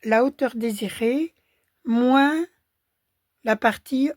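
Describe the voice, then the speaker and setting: Her voice a little high and rough from a cold, a Belgian French woman slowly and calmly explains a crochet pattern, step by step, counting stitches under her breath. The recording is dry and of studio quality.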